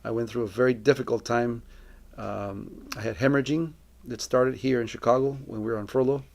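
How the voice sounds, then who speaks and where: This middle-aged Colombian missionary has a very creaky, gravelly voice at a typical male pitch, and he shares his personal testimony earnestly and reflectively, picking his words with care. His intonation stays fairly even, his tone is darkish, and he talks a little fast.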